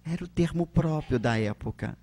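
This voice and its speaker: A man with a Brazilian accent giving a public religious lecture at a spiritist centre, measured and posing rhetorical questions. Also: fairly high pitch, lively intonation, mellow.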